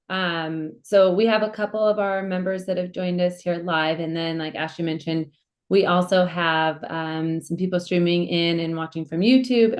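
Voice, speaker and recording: Co-host, woman with a lowish voice, friendly and relaxed. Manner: friendly, relaxed, many "um" fillers. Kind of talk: live webinar moderation.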